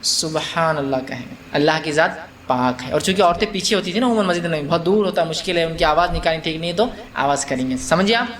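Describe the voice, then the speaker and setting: A man's voice: fairly high pitch, expressive, fairly bright tone, slight background noise. A man preaching to a gathering in a conversational way. He asks his listeners questions and acts out little scenes. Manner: conversational, asks the audience questions, mixes in English words; acts out quotes with laughter. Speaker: Islamic preacher. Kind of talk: religious lecture to a live gathering.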